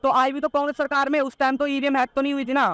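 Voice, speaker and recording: High-pitched teenage boy arguing in one breath. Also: completely flat delivery, sharp tone. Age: teenager, not yet of voting age. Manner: all in one breath, rattling off points without pause; combative, insistent, repeats points and poses rhetorical challenges. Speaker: member of the public giving political opinions. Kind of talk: street interview, argumentative opinion.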